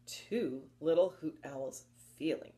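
In a small, book-lined room at home, a woman in her fifties leads children's story time with rhymes and picture book reading. She speaks in a deep voice with slow, deliberate delivery, expressive and encouraging, often asking her young listeners questions.

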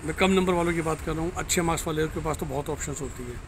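A man's voice: fairly high pitch, very fast, background noise. A middle-aged man, a career counselor, talking bluntly to a phone camera outdoors in a parking lot. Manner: blunt, frank and warning. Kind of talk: direct-to-camera review vlog. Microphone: handheld phone camera at arm's length.

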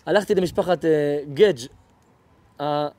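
A man's voice: a little high, warm tone, no room sound. A man, a rabbi, giving an emotional storytelling lecture, earnest and urgent, acting out the people in his stories. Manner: vivid, acts out dialogue in stories.

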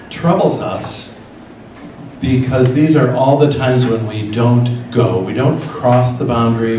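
A middle-aged man with a Midwestern American accent speaks from far across a big church hall, and his voice echoes strongly off the walls. He tells the story slowly and reflectively, addressing the listeners directly. Steady room noise sits under his words. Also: mid-range voice. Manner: slow, reflective second-person storytelling. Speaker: priest leading a church forum. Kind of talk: guided meditation and interactive forum talk. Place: large church hall with tables of people. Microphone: handheld mic, filmed from far across the room.

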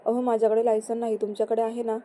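A woman's voice: a little high, completely flat delivery, fast, dark tone, natural voice. A woman reading the lines of a shy, bashful young wife in a storybook romance. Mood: pleading.

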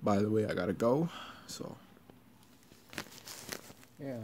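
Speaking slowly in a lowish voice with lively intonation, this young adult man meanders through casual vlog talk, hesitant and offhand. It sounds like an amateur filming himself in a small bedroom, holding the phone at arm's length, and the recording carries noticeable hiss and noise.

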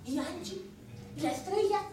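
A woman with a Mexican Spanish accent telling a story live to children, expressive and often asking them questions, in a community cultural center. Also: very high-pitched, normal speed, background noise. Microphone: distant microphone. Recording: echoey room, distant mic.

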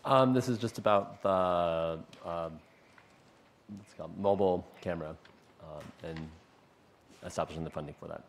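A man's voice: low voice, moderate pace, long pauses, slight background noise. A man serving as a council member, briefing an item hesitantly with many ums. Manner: hesitant, filler-heavy.

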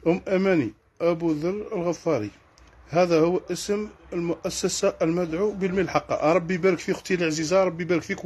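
A man's voice: high voice, darkish tone, slightly rough. A man with an Algerian Arabic accent, a kitchenware shop owner on a live sales stream, rattling off one price after another. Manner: rattles off prices in quick succession.

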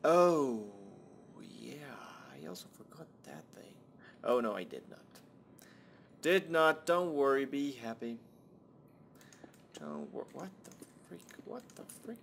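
A man's voice: medium pitch, lively intonation, slow, gravelly, long pauses, slight background noise. A young man rambling and swearing to himself while commentating a building game, often muttering under his breath. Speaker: Minecraft let's-play host. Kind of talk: casual gameplay commentary.

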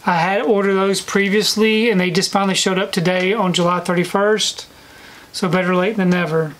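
A woman talks casually through a haul vlog, chatty and full of fillers and restarts. She is slightly out of breath. Her voice sits in an ordinary middle pitch, with a faint hiss under the recording. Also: fairly even intonation, moderate pace, low-quality recording. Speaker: video collector vlogger.

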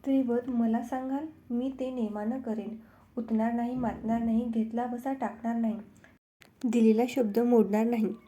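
A fussy young palace maid from a devotional storybook, fretting and questioning in quick bursts, as a woman narrator plays her. The voice is fairly high and warm. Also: steady tone, lightly acted. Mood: pleading.

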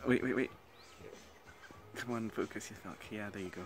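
A man's voice: lowish voice, normal speed, over music. A man chatting casually outdoors, picked up by a handheld camera. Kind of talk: casual chat. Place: outdoors on covered deck and lawn.

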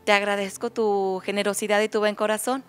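A woman voicing a kindly fairy disguised as a poor old woman in a spoken storybook, speaking softly and calmly. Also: mid-range voice, fairly quick, soft background music, natural voice. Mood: grateful.

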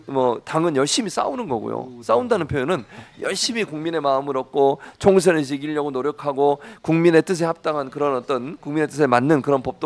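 A man giving live commentary over parliament footage, arguing heatedly with rhetorical questions, then chatting through the scenes. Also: fairly high pitch. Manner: chatty, amused play-by-play.

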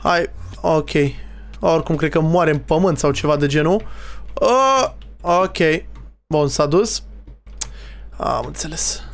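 A young man giving casual, excitable gaming commentary, teasing other players and talking to his viewers. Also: fairly high pitch, vocal fry, long pauses. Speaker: streamer playing a Minecraft role-play server.

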